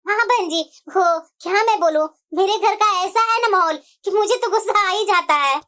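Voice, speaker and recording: Brief: a woman doing a very high, nagging cartoon mother-in-law, quick to anger. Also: bright, forceful tone. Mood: scolding. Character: bossy scolding middle-aged mother-in-law. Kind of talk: cartoon voice acting.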